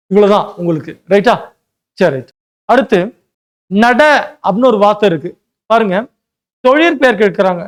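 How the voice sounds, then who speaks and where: High-voiced man teaching a grammar class. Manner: explains step by step, checks in with "right?"; mixes English words into Tamil. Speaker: Tamil exam coaching teacher. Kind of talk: classroom lecture.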